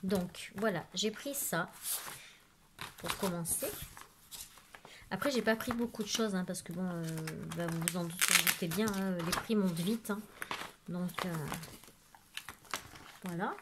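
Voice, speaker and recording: A woman's voice: on the low side, a little slow, pauses often, heavy background noise. A woman who chats through a casual craft haul video. She rambles with plenty of fillers and keeps saying "voilà" as she speaks into her phone at home. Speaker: craft vlogger. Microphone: phone camera.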